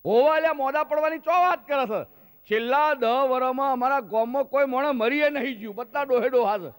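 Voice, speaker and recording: A man voicing an old village headman with a rustic Mehsana Gujarati drawl, loud and scoffing. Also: very high-pitched, a little fast, clear, resonant tone, pitched above the performer's own voice. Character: old village headman uncle, boastful and teasing.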